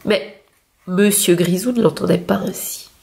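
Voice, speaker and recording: A woman reading a picture book aloud for young children with clear, expressive storytelling. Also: on the low side, unhurried.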